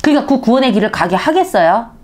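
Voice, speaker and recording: A woman preaching a sermon in a conversational way, often asking her listeners rhetorical questions. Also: quick pace. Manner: animated, pitch leaps for emphasis.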